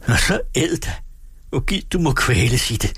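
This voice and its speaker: A man's voice: animated, vocal fry, a bit bright, slightly rough, dry recording, heavily acted. A man reading aloud and voicing a desperate, ranting poor peasant man who shrieks and curses. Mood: frantic. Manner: shrill, pleading and cursing. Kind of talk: dramatic reading.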